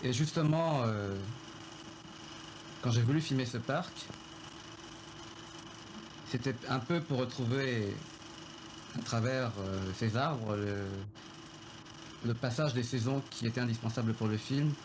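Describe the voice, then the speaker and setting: Halting reflective man, noisy film sound. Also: medium pitch. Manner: reflective, halting, many pauses with "euh". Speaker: filmmaker recounting his family. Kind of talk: film voice-over interview.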